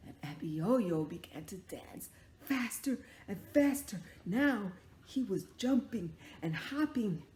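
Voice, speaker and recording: Telling a story to young children, a woman speaks slowly with a medium-pitched, expressive voice. She is dramatic, stretching out words, dropping into hushed tones and putting questions to her listeners. The room has a noticeable echo.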